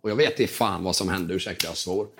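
A young man with a slightly hoarse voice, telling an animated story as a podcast guest and acting out the people in it. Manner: lively storytelling, acts out quotes with big jumps in pitch.

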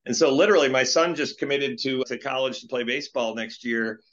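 A man's voice: mid-range voice, a little fast, fairly bright tone, dull audio. A man in his late fifties, a guest entrepreneur, talking in a casual interview in an earnest, rambling way and telling stories with animation. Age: 50s.

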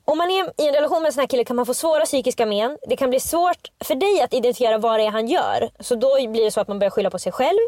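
Woman podcast host, kinda high voice, reads a bit then chats, super dry sound. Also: lively intonation, few pauses, a little mellow, no room sound. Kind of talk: casual chat, reading from a book.

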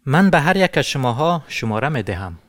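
A man from Afghanistan narrating a fairy tale as a storyteller, measured with occasional restarts. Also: medium pitch, very animated. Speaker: storyteller and actor.

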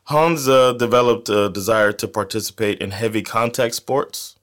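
Low-voiced joking American man. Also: moderate pace, a bit bright. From United States. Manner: joking, laughs often while reading. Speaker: podcast co-host. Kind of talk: casual storytelling chat.

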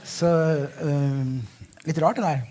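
A man's voice: fairly high pitch, lively intonation, background noise. A man, a novelist, talking about his own book in a candid, rambling way, swearing now and then. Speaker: novelist being interviewed. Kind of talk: casual conversation.

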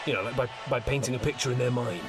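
A man's voice: medium pitch, racing, music in the background, natural voice. A man playing a defensive, flustered football club chief executive in a comedy audio drama, swearing often. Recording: noisy outdoor stadium ambience.

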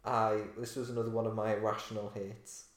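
A man's voice: fairly low pitch, flat delivery, a little fast, slight background noise. A man co-hosting a casual podcast chat, gossipy and opinionated, often laughing. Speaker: podcast co-host. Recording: echoey room.

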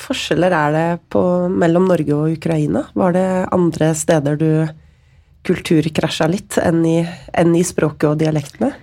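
A woman's voice: low-pitched, steady tone, creaky, warm tone. A woman hosting an interview, asking short, prompting questions. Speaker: host.

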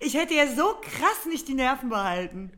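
A woman co-hosting a casual podcast, reacting with enthusiastic, short, excited comments. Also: sits high, moderate pace. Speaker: podcast co-host. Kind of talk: casual chat.

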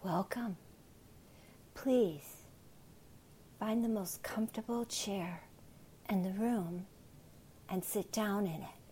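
A woman whispering soothing guided relaxation and gentle affirmations in an unhurried ASMR style. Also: mid-range voice, background noise.

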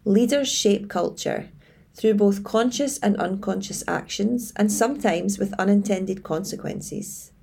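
A woman giving scripted advice as a coach, in a tidy, structured and measured way. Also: medium pitch, gravelly, darkish tone, breathy edge. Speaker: leadership coach and presenter. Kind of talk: scripted advice presentation to camera.

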